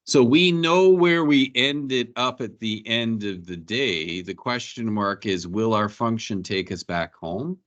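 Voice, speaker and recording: A man's voice: lowish voice, a bit bright. A male math teacher lecturing a class, questioning students and walking them through each step.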